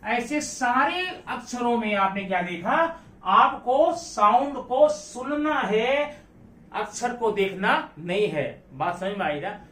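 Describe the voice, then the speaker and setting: A man's voice: extremely high pitch, expressive, slow pace, pushed and bright. A male teacher giving a classroom grammar lesson, who keeps asking his students questions and repeats key words. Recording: echoey room, voice from a distance.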